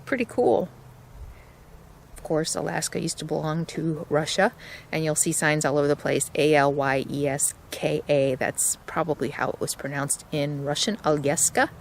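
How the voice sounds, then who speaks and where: A woman's voice: low voice, normal speed, creaky, a little hiss or hum. A woman RV vlogger talking casually to camera outdoors, chatting and reading out local history with small stumbles. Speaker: RV travel vlogger. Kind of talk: casual travel vlog narration.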